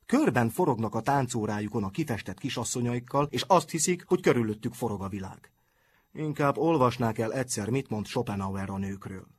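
A man voicing a sarcastic, scornful schoolboy with a husky voice. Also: medium pitch, expressive. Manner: scornful, mocking.

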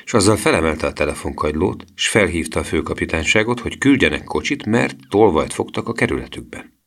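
Deep-voiced man reading an audiobook. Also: animated, creaky, fairly bright tone. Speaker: audiobook narrator. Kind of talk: scripted narration.

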